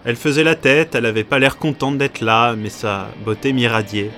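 A man hosting a podcast, reading a comic diary in a deadpan, absurd storytelling manner over background music. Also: mid-range voice, brisk. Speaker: podcast host. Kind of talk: comedic scripted narration as a diary.

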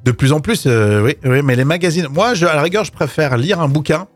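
A man's voice: a little high, lively intonation, brisk, faint music behind. Playful teasing man on radio. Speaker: radio co-host. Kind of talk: casual morning radio chat. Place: radio studio.

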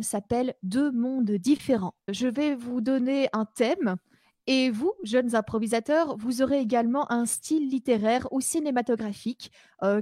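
A woman's voice: a little high, dark tone, dry recording, studio quality. A woman hosting an improv comedy show, presenting casually to a live online audience.

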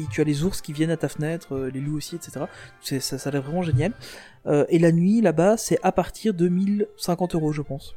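Enthusiastic man on a podcast, fairly high voice. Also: warm tone. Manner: enthusiastic, talks in rambling bursts with restarts. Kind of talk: casual podcast chat.

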